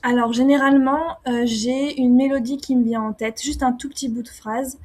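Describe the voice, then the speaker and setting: A young woman from France answering interview questions casually, often pausing with fillers and restarting her sentences. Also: high voice, steady tone, a little mellow. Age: young adult. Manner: hesitant, many fillers and restarts. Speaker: singer-songwriter guest.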